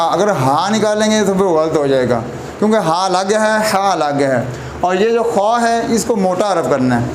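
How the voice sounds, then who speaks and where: Male Quran teacher at a whiteboard, fairly high voice, patient and repetitive; echoey room, audible background noise. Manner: patient, repeats points, often checks with "theek hai". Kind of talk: whiteboard lesson on letter pronunciation.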